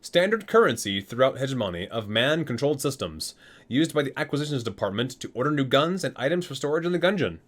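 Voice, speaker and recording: Reading from a game book for ASMR, a male video host speaks in a mid-range, fairly bright voice that swings widely in pitch. He keeps tripping over lines, repeating and fixing them, and drops casual remarks between the scripted passages.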